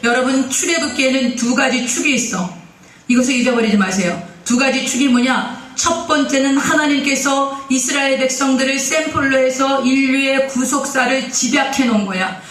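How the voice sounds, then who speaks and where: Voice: high-pitched, moderate pace, fairly bright tone. A pastor delivers a sermon in a roomy sanctuary, heard from a distance off the mic. The preacher keeps putting questions to the congregation and answering them in turn. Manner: acts out quoted speech in character. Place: church sanctuary.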